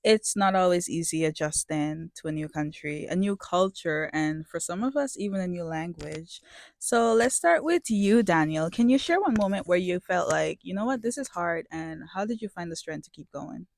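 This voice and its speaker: A woman's voice: fairly low pitch, lively intonation, normal speed, vocal fry. A woman in her twenties from Jamaica, hosting a panel conversation in an upbeat, welcoming way. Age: 20s. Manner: upbeat, welcoming host delivery. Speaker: host. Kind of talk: hosting a panel talk show.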